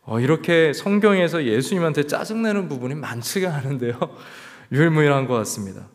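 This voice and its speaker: A male pastor delivers an emphatic sermon in a fairly high voice. His pitch swings widely as he drives his points home. The long reverb of a church sanctuary trails every phrase. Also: fairly quick. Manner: expressive, emphatic preaching.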